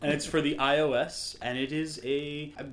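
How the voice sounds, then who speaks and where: A man's voice: a little high, flat delivery, moderate pace, fairly bright tone, reverberant. Rambling, enthusiastic male podcast host. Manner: rambling, enthusiastic, self-correcting. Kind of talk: casual podcast chat.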